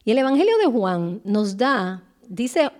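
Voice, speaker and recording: A woman giving an earnest devotional Bible teaching, slowing down with emphatic pauses. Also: fairly high pitch, big pitch swings, darkish tone.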